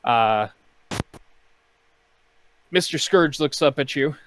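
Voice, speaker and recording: A man running a tabletop game, narrating casually with lots of fillers and pauses. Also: mid-range voice, expressive, slight background noise. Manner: casual, hesitant with many fillers. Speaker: game master.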